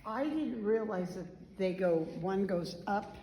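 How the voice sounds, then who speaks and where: A woman's voice: mid-range voice, animated, a little slow, warm tone, a little hiss or hum. A woman taking part in a class, casually asking questions and making remarks. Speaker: class participant. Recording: echoey room with people in background.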